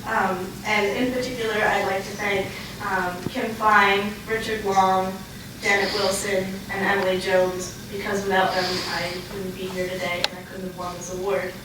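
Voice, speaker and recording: A young adult woman giving an earnest, prepared acceptance speech as an award recipient, halting with pauses as she goes. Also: mid-range voice, flat delivery. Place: large echoey room, live event. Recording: echoey, noisy room, distant mic.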